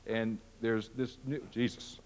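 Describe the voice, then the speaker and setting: A man's voice: mid-range voice, little pitch movement, takes it slowly, darkish tone, slight background noise. Man presenting in an echoing hall. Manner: casual, self-deprecating, acts out ad lines. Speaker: marketing presenter at a company meeting. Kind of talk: presentation to staff. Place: large conference hall. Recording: long reverb of a large hall.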